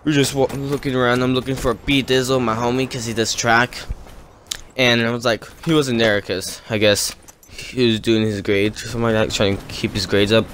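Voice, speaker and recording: A teenage guy from California tells a story over gameplay. He rambles along, leans on fillers and restarts, and his voice sits at an ordinary male pitch. A faint hum of noise runs under his talk. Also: flat delivery, normal speed, fairly bright tone. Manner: rambling, filler-heavy, laughs between lines. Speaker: gaming YouTuber.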